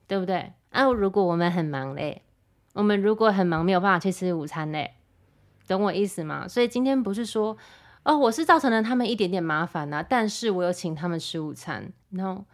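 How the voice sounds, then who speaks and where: Exasperated woman ranting on a podcast. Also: fairly low pitch. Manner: exasperated, animated retelling with mimicked dialogue; mixes in English words. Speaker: podcast host. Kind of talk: casual storytelling rant. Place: lives in Rome.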